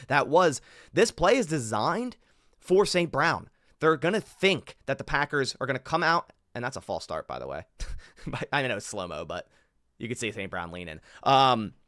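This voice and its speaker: A man commenting over football game film in an animated, exasperated way, thinking aloud as he goes. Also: medium pitch, no room sound, studio quality.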